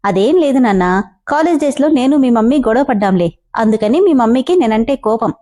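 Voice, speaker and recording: A cocky young man who teases with a sarcastic edge, as a woman narrator puts him on. The voice sits high and sounds mellow. This is storybook drama read aloud. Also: animated, fairly quick, lightly acted. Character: teasing, cocky young man who mocks a former classmate.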